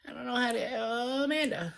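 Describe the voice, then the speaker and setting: A woman's voice: a little high, fairly quick, creaky, fairly bright tone, a little hiss or hum. A woman hosting a live stream, chatting casually and teasing her guests with frequent laughter. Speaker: live stream host interviewing fans. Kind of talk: casual chat.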